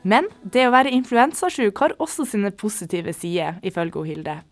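A woman's voice: medium pitch, very animated, faint music behind. A Norwegian woman hosting a radio show, interviewing a guest and narrating scripted links.

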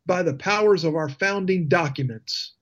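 A male talk radio host with a high voice, speaking at a moderate pace, launches into an indignant political rant. He is emphatic and heavy with sarcasm.

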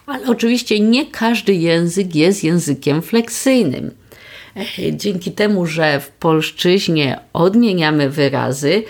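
A woman hosting a podcast, calmly explaining facts in a scripted, measured way. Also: on the low side. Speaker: podcast host and proofreader.

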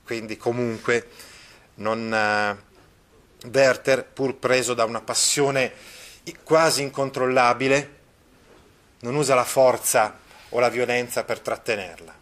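Guy teaching lit, reads a novel out loud then stops to explain, lots of eh and repeats. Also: medium pitch, steady tone. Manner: pauses to comment, with fillers and repeats. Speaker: literature teacher. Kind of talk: reading aloud and explaining a novel.

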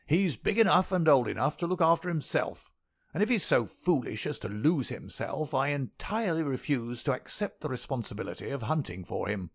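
A man voicing a querulous, miserly little old lord with a sharp crackling voice and a jerky, intense manner. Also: mid-range voice, animated, normal speed, gravelly, breathy edge, voice pushed up. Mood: indignant, stingy.

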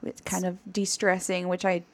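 A woman in her thirties hosting a podcast in casual chat, candid and relaxed, swearing now and then and laughing easily. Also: fairly low pitch, normal speed. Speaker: podcast host.

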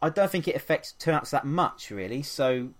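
A man's voice: a little high, expressive, moderate pace. A man from England hosting a casual podcast, chatty and upbeat, with frequent ums and fillers. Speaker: podcast host.

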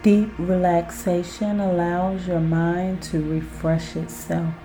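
A woman guiding a self-hypnosis relaxation in a soothing, deliberate manner, like a sleep story narrator. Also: on the low side, flat delivery, mellow, soft background music, rough recording. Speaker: podcast host and relaxation guide.

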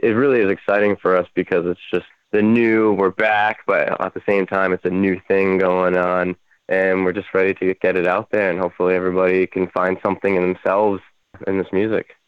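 Male interview guest, low voice, flat intonation, casual rambling chat, dry sound. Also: clear, resonant tone, dry recording. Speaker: band member, interview guest. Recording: dry, slightly dull radio audio.

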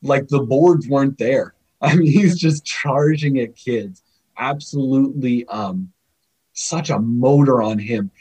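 Man, podcast guest; husky, middle pitch, animated and chatty. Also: measured pace, low-quality recording. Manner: animated, laughs often, chatty. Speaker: scouting guest. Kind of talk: podcast interview.

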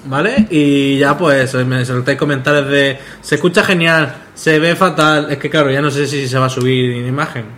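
A man's voice: medium pitch, moderate pace, few pauses, a bit bright, slight background noise. A man hosting a casual podcast chat, joking crudely and telling stories. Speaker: podcast host.

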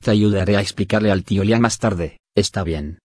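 Playful, offhand young man, read by a man, low husky voice, dry audiobook sound. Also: brisk, a little mellow, no echo, natural voice. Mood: teasing. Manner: teasing, offhand.

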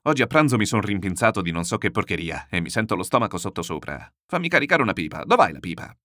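A man voicing a loud, boastful, blustering landowner who rambles in shouts, in a storybook reading. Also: on the low side, big pitch swings, fast talker, no echo, studio quality. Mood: boisterous.

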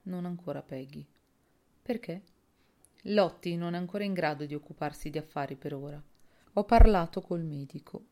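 A woman's voice: lowish voice, moderate pace, mellow, lightly acted. A woman voicing a brusque, impatient man. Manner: brusque and dismissive. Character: brother-in-law, impatient, easily alarmed man.

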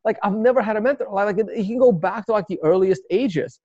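Quick and dark-toned, his voice sits high as he rambles through a casual interview as a guest. He's from Russia, a native Russian speaker with a Russian accent, and his talk is full of fillers and restarts. The dry, slightly dull recording has no echo.

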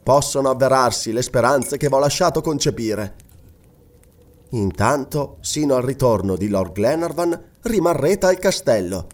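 A man voicing a gentle noble lady who speaks in a calm, measured, reassuring way, in an audiobook. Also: mid-range voice. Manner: measured, soothing. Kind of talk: audiobook reading.

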